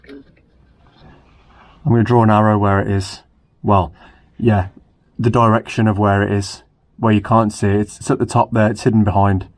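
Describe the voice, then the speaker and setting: A man's voice: on the low side, flat delivery, moderate pace, pauses often, darkish tone, no echo. A man hosting a casual car repair vlog, chatting and thinking aloud with dry asides as he works in a garage. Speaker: car repair channel host.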